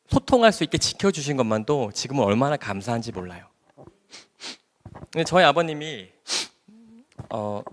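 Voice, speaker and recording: Male doctor giving a church testimony, lively rising and falling pitch, long hall reverb. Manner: emotional, animated storytelling.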